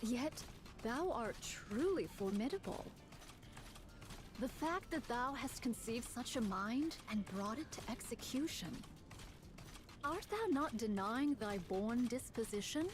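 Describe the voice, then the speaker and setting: A woman's voice: fairly high pitch, expressive, slow. A lofty, archaic-speaking lady. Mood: musing. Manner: archaic formal phrasing, theatrical. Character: archaic-speaking woman, formal, lofty and curious. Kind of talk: video game voice acting.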